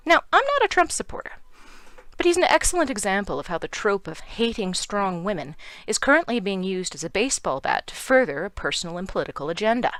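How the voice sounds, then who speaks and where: Sarcastic Canadian woman, lively delivery. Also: medium pitch, dry recording. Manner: sarcastic, emphatic. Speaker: commentary video host. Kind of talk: scripted opinion monologue.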